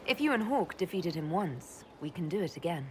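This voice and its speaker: An actress playing a composed, inquisitive elf mage leader in a video game, speaking plainly and with a questioning manner. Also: female voice, on the low side, big pitch swings, fairly quick, darkish tone, a little hiss or hum. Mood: determined.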